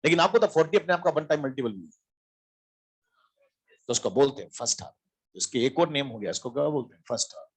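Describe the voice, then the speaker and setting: A man's voice: medium pitch, lively intonation, fast talker, long pauses, breathy edge. A man teaching a physics lesson, repeating key terms and answering his own questions. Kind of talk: classroom lecture.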